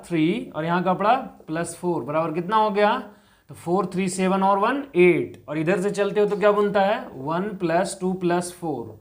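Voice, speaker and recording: Male chemistry tutor, drills students with repeated questions. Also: sits high. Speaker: chemistry teacher. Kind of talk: explaining on a whiteboard.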